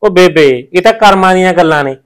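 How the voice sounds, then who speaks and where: Brief: actor as a reassuring farmer son, higher male voice, quick delivery. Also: close to an everyday voice, low-quality recording. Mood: firm. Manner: reassuring, firm and coaxing. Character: farmer son and husband, reassuring yet firm. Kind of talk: short-film village drama acting.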